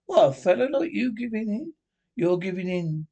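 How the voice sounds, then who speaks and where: A man reading aloud and voicing a cheerful, brisk male water rat with a hearty, bustling manner. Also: high-pitched, expressive, creaky, a little mellow, dull audio, heavily acted. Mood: coaxing. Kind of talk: storybook reading.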